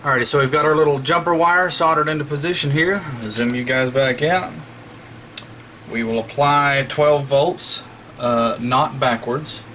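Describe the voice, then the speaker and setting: Bright and forceful at a mid-range pitch, this man keeps a measured pace while casually explaining a hands-on electronics repair step by step. He's a hobbyist fixing radios for a demonstration video, folksy in tone, with a little hiss or hum on the recording.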